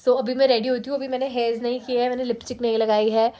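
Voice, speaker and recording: A young woman with a sore throat and a hoarse voice, chatting fast to the camera in a casual vlog, recorded without a mic. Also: level tone, dark tone. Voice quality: hoarse, lower than usual. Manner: fast, chatty, mixing English into her talk. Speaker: vlogger. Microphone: no mic, phone camera. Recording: no mic, faint background noise.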